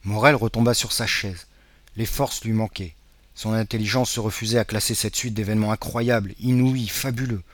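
A man's voice: lowish voice, steady tone. Man narrating a classic novel aloud. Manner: dramatic, measured reading. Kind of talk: audiobook narration.

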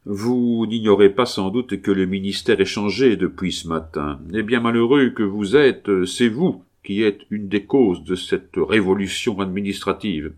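A man reading a stern, measured police chief. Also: lowish voice, a little mellow, natural voice. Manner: severe, measured, authoritative. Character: stern cunning middle-aged police chief.

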